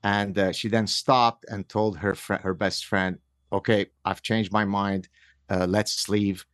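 A man's voice: on the low side, level tone, a little slow, a bit bright, no room sound, studio quality. A middle-aged man from Lebanon, a guest author, telling stories in an earnest, wry way with frequent restarts. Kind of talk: conversational storytelling.

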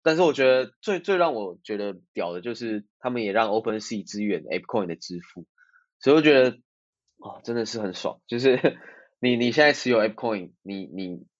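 Casting: male podcast co-host, Taiwanese accent, lowish voice, relaxed conversational style, close dull-sounding audio. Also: a little fast, no room sound. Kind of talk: casual chat.

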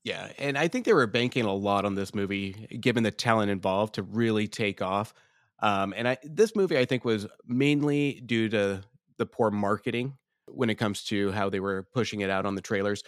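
A man's voice: lowish voice, moderate pace, dry recording, studio quality. A man co-hosting a casual film review podcast, talking in a discursive way that builds gradually to his opinions. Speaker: podcast co-host.

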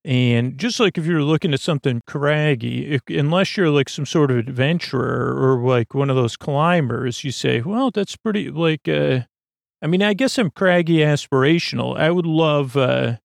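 A man hosting a sleep podcast, talking slowly in a meandering, self-interrupting bedtime monologue with a creaky voice. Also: a little high, dry recording, studio quality. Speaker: podcast host.

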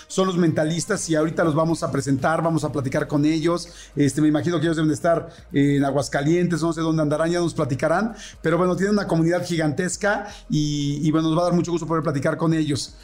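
Mexican man, podcast co-host, slightly high voice, relaxed conversational delivery. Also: fast, few pauses. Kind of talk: casual chat.

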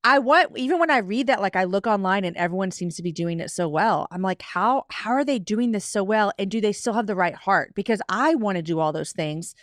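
Brief: forties woman, candid guest author, mid pitch, dry close mic. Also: animated, no room sound. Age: 40s. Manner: candid, emotional, quick self-talk asides. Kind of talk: casual interview chat.

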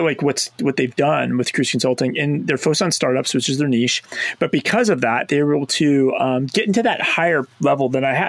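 A man with a fairly high, creaky voice co-hosts a casual interview. He explains emphatically and keeps checking that listeners agree. The recording is very dry. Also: no echo. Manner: emphatic, seeks agreement with frequent "right?". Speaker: podcast co-host, niche business presenter.

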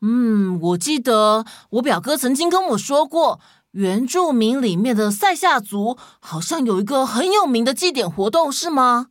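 A woman's voice: fairly high pitch, big pitch swings, moderate pace, few pauses, no room sound, studio quality. A woman with a Taiwanese Mandarin accent playing a curious, eager young girl who asks questions. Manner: eager, inquisitive.

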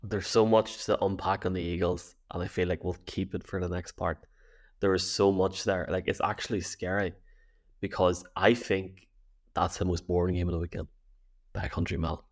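A man with an Irish accent co-hosting a sports podcast, chatting in an animated, jokey way full of slang. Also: deep voice, normal speed. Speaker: podcast co-host. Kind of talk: casual sports podcast chat.

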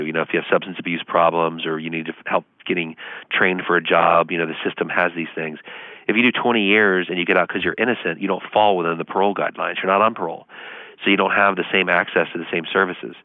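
A man, a law professor, answering interview questions over the phone, earnest and quick, with many fillers. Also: sits low, dry recording. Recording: tinny phone line.

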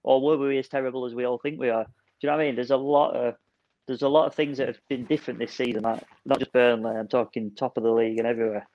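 A man's voice: mid-range voice, fairly even intonation, fast. A man co-hosting a casual football chat over a video call. He gives his opinions point by point and keeps saying "for me.". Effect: heard over a video call. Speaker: podcast co-host. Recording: dull, dry lo-fi call audio.

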